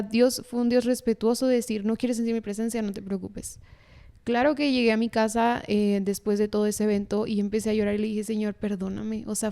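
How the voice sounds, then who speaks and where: A young woman from Mexico, a podcast guest, sharing a personal faith testimony in a casual, earnest and animated way. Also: mid-range voice, clear, resonant tone. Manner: earnest, animated storytelling with laughs.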